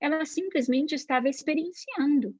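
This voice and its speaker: A woman's voice: high voice, moderate pace, darkish tone, no room sound, dull audio. A woman with a Brazilian Portuguese accent, an educator giving an informal talk about raising children, who chats freely and acts out the voices she quotes. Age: adult parent. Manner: chatty, acts out quoted voices, frequent "né?" tags. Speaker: Montessori educator.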